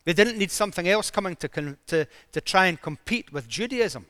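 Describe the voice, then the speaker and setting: A man's voice: sits high, animated, brisk, sharp tone, dry recording. A man preaching a sermon, retelling a story dramatically with emphatic rises in his voice.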